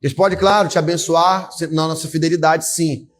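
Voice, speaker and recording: A man's voice: on the high side, steady tone, moderate pace. A man preaching a fervent sermon at a church service, exhorting and calling out to the congregation. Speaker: pastor.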